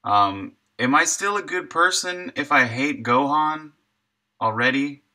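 An American man in his thirties live-streams his game development work, chatting casually in a laid-back, slangy way and chuckling easily. His fairly high voice is pushed and bright, with lively intonation and a slightly slow pace.

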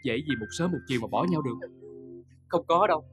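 An actor playing a devoted young boyfriend with a Southern Vietnamese accent, soothing and reassuring. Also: male voice, fairly high pitch, expressive, brisk, a bit bright, faint music behind.

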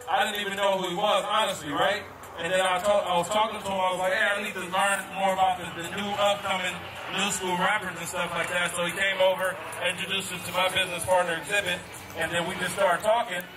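A middle-aged man, a parent and event organizer, telling a chatty story to a crowd on an outdoor baseball field through a handheld microphone. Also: high-pitched. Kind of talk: addressing a crowd. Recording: echoey, distant, noisy outdoor PA.

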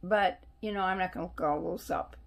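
Indoors at home, a woman shows off the soaps she bought, musing over labels for the camera. She speaks fairly quickly, her voice fairly low-pitched and gravelly.

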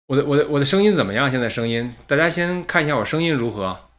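A man at a mid pitch hosts a relaxed livestream through a gated streaming mic. He talks loosely with viewers and reads a listener's letter aloud in the same easy tone. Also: fast. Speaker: livestream host. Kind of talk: casual livestream talk. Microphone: streaming mic with a noise gate.

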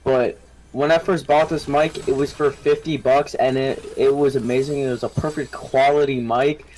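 A man chatting casually and joking loudly while playing an online game with friends on a headset mic. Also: mid-range voice, moderate pace, a little hiss or hum, low-quality recording. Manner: animated, jokey, loud bursts. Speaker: gamer. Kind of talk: casual gaming chat with friends.

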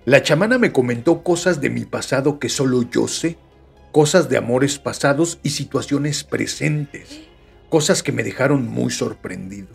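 A man's voice: mid-range voice, moderate pace, vocal fry, breathy edge, faint music behind. A man with a Mexican Spanish accent, hosting a podcast, reading listener stories aloud with chatty joking asides. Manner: chatty, joking asides between read passages. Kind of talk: casual storytelling reading.

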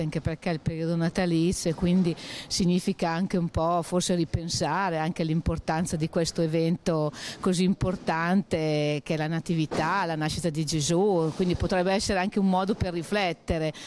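Woman, middle-aged, measured, street interview, handheld mic, faint ambience. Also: fairly low pitch, a little mellow, a little hiss or hum. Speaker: passer-by interviewed. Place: outdoor arcade street.

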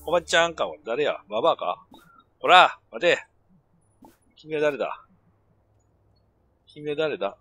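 A man's voice: on the high side, sing-song, normal speed, pauses often, a bit bright, slightly rough. A middle-aged man, muttering and grumbling his way through casual game commentary with sudden outbursts. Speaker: gameplay commentator.

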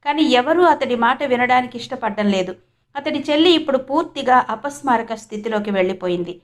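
A woman's voice: a little high, animated, brisk. A woman narrating a story in a scripted read-aloud style, lightly acting out the quotes.

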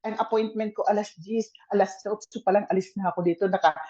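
A woman's voice: medium pitch, fairly even intonation, fast talker, mellow, highs cut off. An older woman telling her own story in a casual, talkative radio testimony. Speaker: guest sharing testimony.

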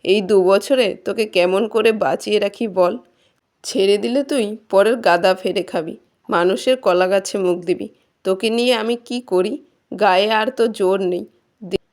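Woman reading as a gentle, grieving old farmer. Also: mid-range voice, natural voice. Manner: soft, pleading and tender.

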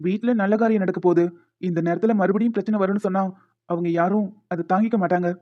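A woman plays a young man in a cartoon, an affectionate fiancé who teases and reassures. The voice sits at a plain middle pitch and sounds muffled and lo-fi. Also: fairly even intonation, quick pace, close to an everyday voice. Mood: reassuring. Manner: playful, coaxing, reassuring. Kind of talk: animated cartoon dialogue.

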